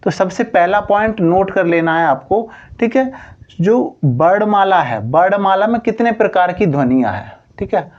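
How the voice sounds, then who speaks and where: A man's voice: sits high, lively intonation, normal speed, darkish tone, highs cut off. A man teaching Hindi grammar in an exam coaching lesson. He asks and answers his own questions, keeps saying "theek hai", and stretches words out to show how long the vowels are.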